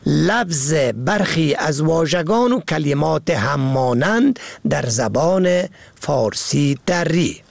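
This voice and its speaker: Gravelly man reading a spelling lesson. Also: fairly high pitch, lively intonation, no room sound. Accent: Afghan Dari. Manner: slow deliberate spelling out of words letter by letter. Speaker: radio presenter of a language program. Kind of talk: scripted educational reading.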